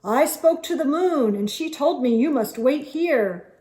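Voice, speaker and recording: A woman voicing a very big, friendly storybook snowman who is calm and helpful. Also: sits high, a little slow, pitched above the performer's own voice.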